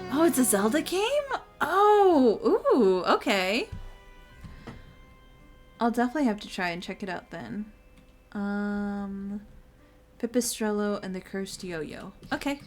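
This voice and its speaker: A woman's voice: medium pitch, animated, slow pace, long pauses, a bit bright. A woman live-streaming a game with casual commentary in a cute, bubbly, giggly manner. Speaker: variety streamer and VTuber. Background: game music.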